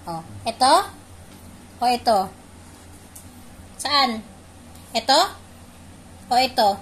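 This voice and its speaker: A woman's voice: a little high, extremely slow, a bit bright, slight background noise. A woman playfully teasing her pet dog, repeating short commands and questions in a coaxing way. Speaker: pet owner.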